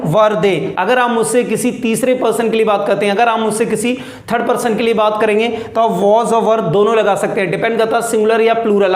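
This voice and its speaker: A man teaching spoken English who asks questions and answers them himself, and slows right down when he says example sentences. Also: high voice. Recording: echoey room.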